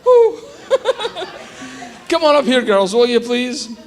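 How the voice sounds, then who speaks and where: A Scottish man speaking from a church pulpit with a noticeably high voice. He talks as a missionary guest, lively and joking, often breaking into exclamations. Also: drawn-out words, faint music behind, a faint crowd. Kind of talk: church talk with humor. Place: church sanctuary.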